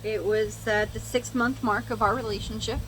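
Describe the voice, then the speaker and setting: A woman's voice: fairly high pitch, fairly even intonation, moderate pace, a bit bright, slight background noise, low-quality recording. A young woman chatting casually to viewers and telling a story as she does her makeup, candid and sweary with sarcastic asides. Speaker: makeup vlogger.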